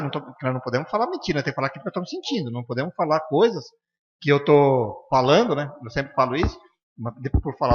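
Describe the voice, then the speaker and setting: Brazilian guy from curitiba teaching a spiritist class, talks fast and blunt, acts out little dialogues, muffled lo-fi sound bouncing round a hall. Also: mid-range voice. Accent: Brazilian Portuguese, from Curitiba. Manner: animated, acts out dialogues with patients; blunt and firm, frequent "né?" tags. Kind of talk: informal classroom lecture. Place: spiritist center lecture room. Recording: dull lo-fi sound with long hall reverb.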